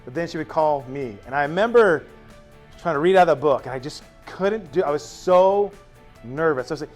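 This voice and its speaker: A male teacher speaks to his new class on the first day, spinning stories with drawn-out asides. His voice sits high and swings widely in pitch. Soft music plays faintly underneath. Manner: animated storytelling, drawn-out asides.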